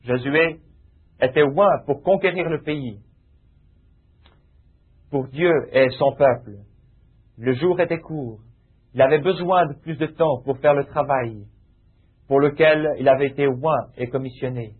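A man's voice: medium pitch, measured pace, long pauses, husky. A man preaching a sermon with emphatic, repetitive phrasing that rises into exclamations. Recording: tinny lo-fi phone-like sound.

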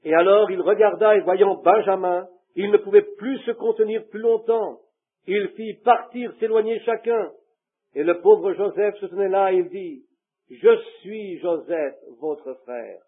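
A man's voice: high-pitched, fairly even intonation, moderate pace, husky. A man preaching a sermon, retelling a story with fervour and pleading questions to his listeners. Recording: tinny phone-like recording.

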